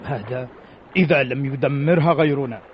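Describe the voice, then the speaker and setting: An actor in an old Arabic radio drama playing a wry, authoritative ancient commander, speaking in measured formal lines. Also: male voice, medium pitch, natural voice. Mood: pensive. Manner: measured formal delivery, dryly witty. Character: calm, wry, authoritative male Carthaginian army commander. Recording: muffled, hissy old radio recording.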